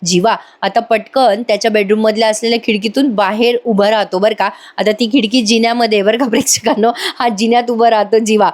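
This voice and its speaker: Woman, chatty serial recap, talks to viewers, fairly high voice. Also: steady tone, fairly quick, few pauses. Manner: chatty, addresses viewers directly. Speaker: TV serial reviewer. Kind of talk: voice-over episode recap.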